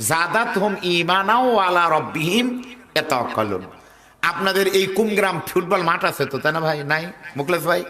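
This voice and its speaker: A man's voice: high voice, lively intonation, normal speed, sharp tone. Man, northern Bangladeshi Bengali accent, waz preacher, calls on the crowd, long hall reverb. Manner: calls on the crowd to respond, mimics regional dialects. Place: outdoor religious gathering over loudspeakers.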